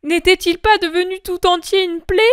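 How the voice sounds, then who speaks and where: A woman's voice: very high-pitched, a little slow, fairly bright tone, no echo, clean studio sound, voice pushed up. A woman voicing the grieving mother of Jesus, imploring and sobbing in a breaking voice, in a dramatic religious reading. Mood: pleading.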